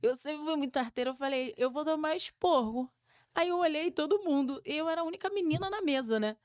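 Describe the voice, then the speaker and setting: A young woman with a fairly high voice tells backstage stories as a guest on a podcast, jumping into the voices of the people she quotes. The sound is close and dry, with no room echo. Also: quick pace. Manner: animated storyteller, acts out quoted voices. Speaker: samba school muse, podcast guest. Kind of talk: storytelling interview chat.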